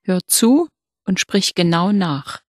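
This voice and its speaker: A woman reads a pronunciation drill one word at a time, very slowly and precisely. Her voice sits a little low. The dry recording has no echo. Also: expressive. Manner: slow, precise, deliberate articulation. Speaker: language teacher.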